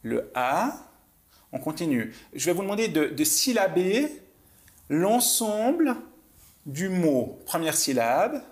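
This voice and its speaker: A man with a slightly high voice, hosting as a mentalist. He gives slow, soft, suggestive instructions, often restarting his phrases. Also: big pitch swings. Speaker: mentalist host. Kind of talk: guided visualization with a guest.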